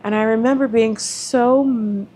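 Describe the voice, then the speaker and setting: A woman's voice: a little high, fairly even intonation, measured pace, mellow. A woman on a podcast telling her story openly and emotionally, acting out past conversations and cursing now and then. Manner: frank, occasional swearing. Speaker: podcast guest. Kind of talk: candid personal storytelling.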